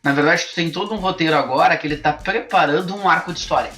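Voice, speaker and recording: A man's voice: on the high side, fast, fairly bright tone, soft background music. A man, hosting a casual film review chat and thinking aloud with frequent restarts. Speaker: podcast host.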